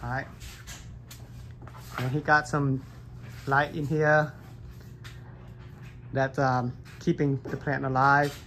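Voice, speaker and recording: In a basement grow room, a man who vlogs about gardening shows how to pollinate plants by hand, filming his hands with a phone he holds. He talks slowly in a mid-range, bright, forceful voice with little pitch movement and frequent pauses, chatting loosely with plenty of "um" and "like." A faint hiss or hum sits underneath.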